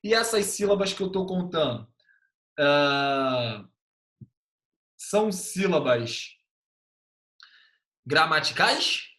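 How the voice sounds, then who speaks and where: A man teaching an online class in a lively way, often checking in with quick tag questions. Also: a little high, roomy sound.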